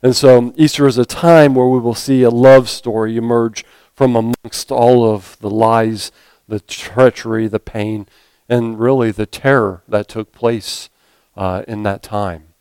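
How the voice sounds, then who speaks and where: A man's voice: mid-range voice, fairly even intonation, unhurried, a little mellow, clean tone, dry recording. A man preaching a sermon as a pastor, talking conversationally with frequent fillers and self-corrections.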